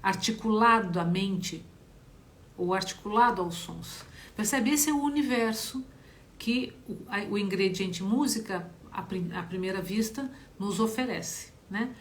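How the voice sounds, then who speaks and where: A woman's voice: mid-range voice, measured pace. A middle-aged woman, a singing teacher, gives a reflective live-streamed lesson and often checks in with a rhetorical "né?". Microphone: phone.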